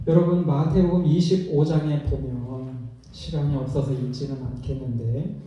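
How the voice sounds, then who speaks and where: A man's voice: fairly high pitch, mellow. A male pastor preaching a sermon in a church, asking the congregation rhetorical questions. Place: church sanctuary. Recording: echoey church hall, distant mic.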